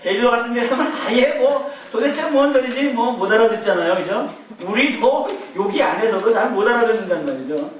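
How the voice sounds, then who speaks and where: A man's voice: very high-pitched, expressive, fairly quick, hardly any pauses, recorded from a distance, slight background noise. Man lecturing in a very echoey hall. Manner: conversational, rambling asides with chuckles and mimicked shouts. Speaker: Bible teacher. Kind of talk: Bible lecture.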